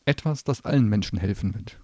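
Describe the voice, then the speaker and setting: A man's voice: fairly low pitch, fairly quick, darkish tone, no echo, clean studio sound, natural voice. A man voicing a determined young girl in an audiobook reading, firm and matter-of-fact.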